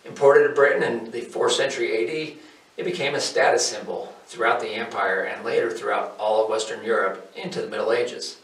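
A man in his forties, hosting a hobby farm channel, reads a scripted educational piece in a steady, informative way. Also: mid-range voice, brisk. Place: indoors, in front of a wooden wall. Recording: roomy, somewhat distant mic.

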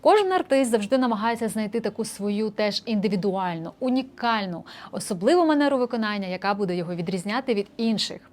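A young woman vocal coach in a casual lesson, explaining voice technique and breaking into short sung demonstrations. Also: medium pitch. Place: indoor room with a street musician outside.

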